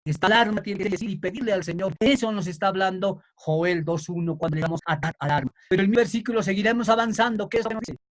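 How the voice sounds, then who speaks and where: A man preaching a sermon in an emphatic way, building up to fervent shouting. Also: high voice, fast talker, few pauses.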